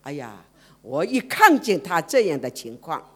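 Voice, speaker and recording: A woman preacher, telling a story in a sermon and swinging from loud exclamations to hushed murmurs. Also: sits low, very animated, moderate pace, breathy edge.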